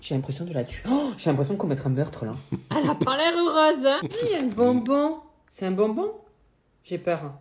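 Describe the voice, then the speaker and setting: A young woman doing a comic unboxing vlog, crude and excitable, swinging between loud and soft. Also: fairly high pitch, a little fast, a little hiss or hum. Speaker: YouTuber.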